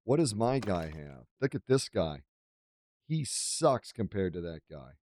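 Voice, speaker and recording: A man with a fairly low voice hosts a casual gaming playthrough. He talks in an exclamatory, playfully boastful way, commenting on the game as he plays. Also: very animated, a little slow, a little mellow. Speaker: gaming video host.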